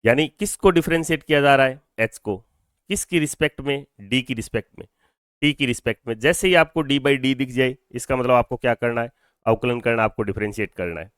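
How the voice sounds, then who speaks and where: An adult man over twenty-two teaches a physics class, blending Hindi with English phrases. His medium-pitched voice is a little fast and slightly bright, with a clean tone captured in clean, echo-free studio sound. He works through the material step by step, poses questions and answers them himself, and has students repeat terms after him.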